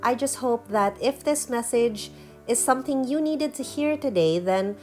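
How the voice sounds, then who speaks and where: Narrating in a single take, a painter who vlogs talks in a chatty, sincere way while sounding somewhat nasal from an allergy attack. She speaks at a moderate pace in a fairly high, slightly mellow voice over soft background music.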